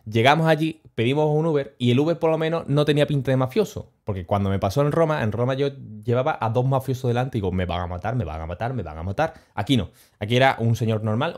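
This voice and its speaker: A man spins a travel story for his stream. His voice sits at an ordinary middle pitch. He talks in an animated, slangy, joking way and keeps chuckling. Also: fast talker, few pauses. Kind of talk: casual storytelling.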